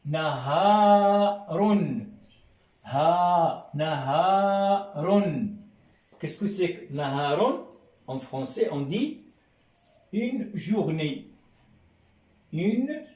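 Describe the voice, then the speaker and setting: Slow, patient man teaching letters. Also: fairly high pitch, lively intonation, a little mellow, distant mic. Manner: patient, repeats words, checks with "hein?" and "d'accord?". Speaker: Arabic literacy teacher. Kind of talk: slow classroom lesson. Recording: echoey room, voice off-mic.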